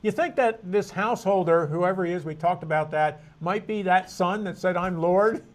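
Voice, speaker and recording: Casting note: man with a high-pitched voice, Bible class teacher, rambling and conversational, muses aloud with plenty of restarts. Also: moderate pace. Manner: rambling, thinking aloud with frequent restarts and asides. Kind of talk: informal Bible study lecture.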